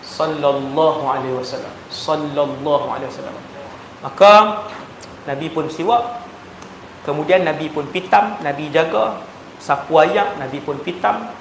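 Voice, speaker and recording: A man with a Malaysian Malay accent preaching a sermon, telling stories animatedly and swinging between loud emphasis and hushed tones. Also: a little high, moderate pace. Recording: echoey hall with faint noise.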